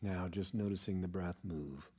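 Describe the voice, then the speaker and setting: A man with a deep voice leads a relaxation meditation as a yoga nidra teacher. He speaks calmly and soothingly at a measured pace, leaving pauses.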